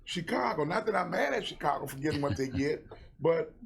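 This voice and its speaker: A man speaking informally at a public meeting, haltingly circling back through his thoughts. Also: fairly high pitch, expressive, vocal fry, a little hiss or hum. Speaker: committee meeting participant.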